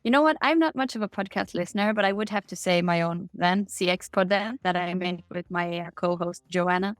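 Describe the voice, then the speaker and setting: A woman's voice: lowish voice, a little fast, no room sound, soft background music. Upbeat Norwegian woman guest, dry sound. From Norway. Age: middle-aged. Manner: upbeat, candid, answers briefly. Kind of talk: casual interview answers. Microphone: remote call.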